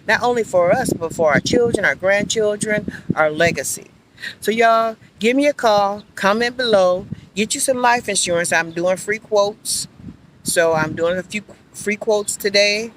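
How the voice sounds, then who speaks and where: A woman's voice: lowish voice, fairly bright tone. Upbeat chatty woman outdoors with traffic. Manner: upbeat and chatty, calls viewers "y'all". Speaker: life insurance agent. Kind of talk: casual outdoor vlog. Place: outdoors on a walking track.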